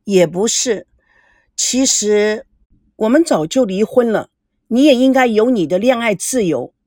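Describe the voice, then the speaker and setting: Lady reading a guilty young guy, stammery and defensive, lively pitch. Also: measured pace, no echo, studio quality. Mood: hesitant, defensive. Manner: hesitant, defensive. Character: young man, awkward and guilty.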